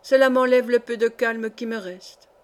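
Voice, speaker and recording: Lady narrator doing a sick dying lady in a storybook, soft tired plaintive voice, kinda high. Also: steady tone, normal speed, natural voice. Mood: querulous. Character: dying young noblewoman, frail and fretful. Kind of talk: audiobook character reading.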